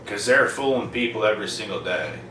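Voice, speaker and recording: A man's voice: fairly low pitch, lively intonation, a little fast, far from the mic. Blunt, profane young man, off-mic. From Prince Edward Island, Canada. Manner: blunt, profane, emphatic repetition. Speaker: vlogger. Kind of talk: casual monologue to camera. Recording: roomy, off-mic, noisy background.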